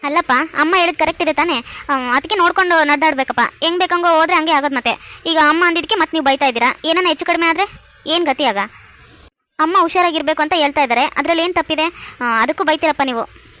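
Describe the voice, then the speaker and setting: A woman's voice: high-pitched, quick pace, sharp tone. A woman voicing a defensive young daughter. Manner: defensive, complaining. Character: argumentative young daughter, taking mother's side. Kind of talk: cartoon voice acting.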